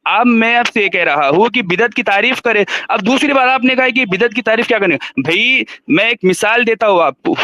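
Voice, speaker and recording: A man's voice: high voice, animated, few pauses, sharp tone, no room sound. A man in a heated religious debate on a livestream, insistently demanding to be heard and pressing his point.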